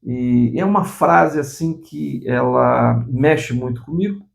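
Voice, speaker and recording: Slow and creaky, this medium-pitched voice belongs to a sixty-something man giving a heartfelt pep talk on his own channel. He frequently starts phrases over and ends lines with tag questions.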